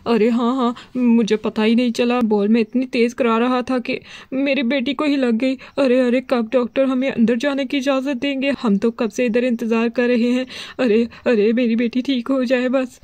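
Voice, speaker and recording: Woman doing a flustered dad in a kids' doll story, high voice, dry close sound. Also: level tone, normal speed, a little mellow, dry recording, natural voice. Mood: anxious. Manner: flustered, repeats words in alarm. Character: worried village father, panicky after an accident. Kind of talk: children's doll story voice acting.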